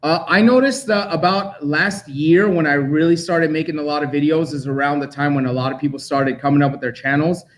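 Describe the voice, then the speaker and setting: A young man from Armenia, raised in Los Angeles, talking casually about his collecting as a guest. His voice sits a little high, and he rambles on freely with easy laughs. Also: fairly even intonation. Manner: talkative, quick to laugh. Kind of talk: casual chat.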